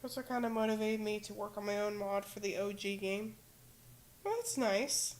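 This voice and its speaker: A woman of middle pitch talks loosely through a live stream, wandering from thought to thought and correcting herself as she goes. Her delivery is casual and hesitant, full of filler words. Faint room noise and mouse clicks sit quietly behind her. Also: steady tone, moderate pace. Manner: rambling, hesitant, heavy with "like" fillers and self-corrections. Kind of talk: casual livestream chat.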